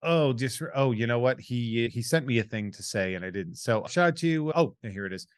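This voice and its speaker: A man hosting a podcast, chatting casually and jokily while reading out listener shout-outs. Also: mid-range voice, animated, normal speed, clean tone, dry recording, clean studio sound. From New England. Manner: rambling, jokey, reads listener shout-outs. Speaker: podcast host. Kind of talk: casual chat.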